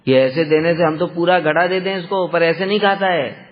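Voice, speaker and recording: A man's voice: a little high, fairly even intonation, moderate pace, close to an everyday voice. A male storyteller voicing a village milkmaid who insistently complains that a child is stealing butter. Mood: complaining. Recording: dull lo-fi sound with long hall reverb.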